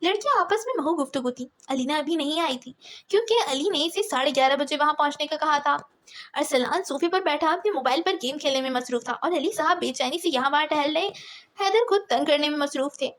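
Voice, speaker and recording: A woman narrating a novel audiobook in an expressive storytelling manner. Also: high voice.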